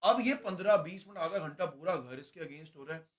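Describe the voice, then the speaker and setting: Young man, high voice, lively storyteller recounting a fight, acts out quotes. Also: fairly quick. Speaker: reality show contestant recounting a fight. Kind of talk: animated storytelling chat.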